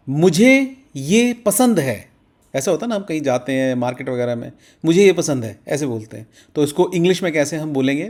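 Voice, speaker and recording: A man teaching English to Hindi speakers in an Indian accent, saying each example sentence slowly and word by word. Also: a little high. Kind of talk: slow explanatory language lesson.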